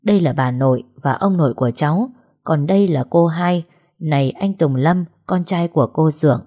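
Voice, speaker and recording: A woman voicing a calm, gentle middle-aged man in an audio story. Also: deep voice, normal speed, breathy edge. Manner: gentle, reassuring.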